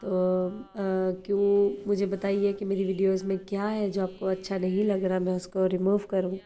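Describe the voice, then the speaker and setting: A woman from Pakistan talking quickly and chattily to her viewers in a casual vlog, her voice a little hoarse from flu, with many fillers. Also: mid-range voice, completely flat delivery, dark tone. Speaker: vlogger.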